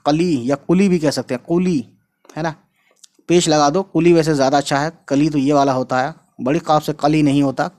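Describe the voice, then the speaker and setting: A man's voice: fairly high pitch, a little mellow. A man teaching a casual language lesson, who spells out each word letter by letter and says it again and again, with English words mixed in. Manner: slow, repeats each word several times and spells it out letter by letter; mixes English words into his talk. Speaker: Urdu teacher.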